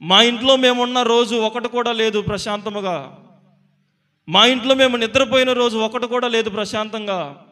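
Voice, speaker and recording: A man's voice: extremely high pitch, steady tone, moderate pace, bright, forceful tone, big-room sound. A man preaching, voicing a grieving mother who pleads in a repetitive lament.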